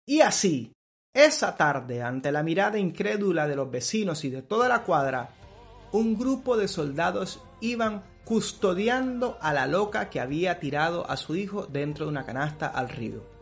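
A man's voice: a little high, very animated, normal speed, husky, soft background music. A man preaching through a dramatized, theatrical retelling of a story.

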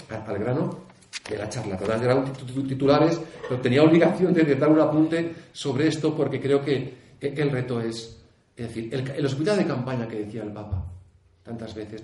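A priest with a Castilian Spanish accent giving an earnest conference talk, full of restarts, rhetorical questions and a tag "¿eh?". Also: male voice, mid-range voice, warm tone. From Spain. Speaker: priest and pastoral speaker. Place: conference hall. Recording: echoey hall.

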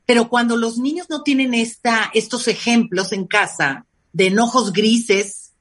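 Animated husky Mexican woman. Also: on the high side, measured pace. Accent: Mexican Spanish. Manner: animated, acts out quoted parents in lively voices. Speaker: guest expert on family and parenting. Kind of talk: conversational interview.

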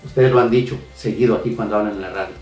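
A man's voice: on the low side, fairly even intonation, rapid-fire, darkish tone, muffled recording. A man earnestly telling a personal faith testimony on a radio talk show, with hesitations and repeated phrases. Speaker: guest giving testimony. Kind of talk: emotional spoken testimony. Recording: echoey room, heard from a distance, faint music.

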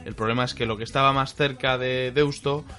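A man's voice: mid-range voice, fairly even intonation, fairly quick, pushed and bright, faint music behind. A man co-hosting a local radio chat, explaining and teasing. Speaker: radio co-host.

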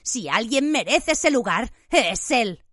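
A woman's voice: on the high side, very animated, takes it slowly, a bit bright, no echo, studio quality, exaggerated voice. A woman voicing a teenage boy who speaks breathlessly and urgently. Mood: firm. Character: young boy, breathless and pleading.

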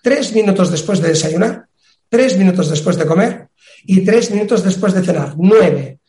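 A man's voice: high voice, animated, normal speed, mellow. A man from explaining a fitness method in an interview, emphatic and acting out small dialogues. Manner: emphatic, acts out little dialogues. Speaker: fitness expert guest. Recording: roomy echo.

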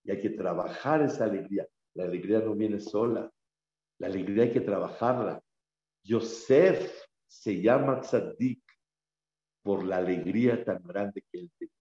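Male religious teacher, low and dark, emphatic with big loud-soft swings, echoey room, dull lo-fi sound. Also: normal speed. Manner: repeats key phrases for emphasis, asks the audience questions. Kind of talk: Torah class in Spanish.

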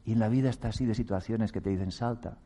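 A man with a lowish, mellow voice talks very fast in a reflective talk on meditation. He speaks earnestly, chuckles at himself, and acts out the voices he quotes.

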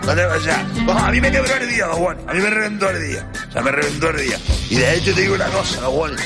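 A man's voice: a little high, animated, quick pace, vocal fry, loud music behind the voice. A man telling a long rambling comic anecdote on air, interrupting himself as he goes. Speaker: comedic interviewee telling a story. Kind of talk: comic radio storytelling.

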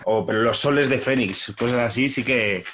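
A man's voice: medium pitch, moderate pace, fairly bright tone, slight background noise. Laid-back Spanish man swapping stories. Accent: Spain. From Spain. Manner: laid-back storyteller, slangy, repeats himself. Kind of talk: casual chat.

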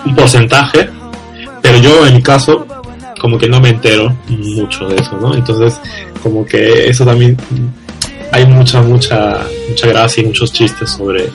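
A man's voice: mid-range voice, steady tone, moderate pace. Chatty male interviewer, faint music. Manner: chatty, often ends with a questioning tag. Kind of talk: casual conversation.

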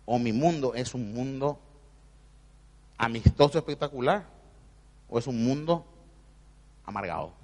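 A man's voice: mid-range voice, expressive, unhurried, pauses often, darkish tone, long reverb tail. A man with a Rioplatense Spanish accent giving an emphatic spiritual motivational talk, speaking familiarly straight to the listener.

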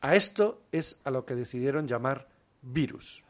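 A man's voice: medium pitch, lively intonation, normal speed. A man guest talking casually in an interview, explaining with examples and rhetorical questions. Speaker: guest biologist.

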